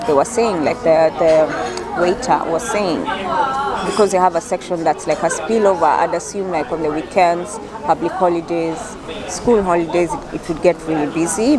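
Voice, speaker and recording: A woman with a low-sitting voice chats casually as a solo food review vlogger in a busy shopping center cafe. She rambles through stories as if to a friend, full of "like" and "you know", with crowd chatter behind her.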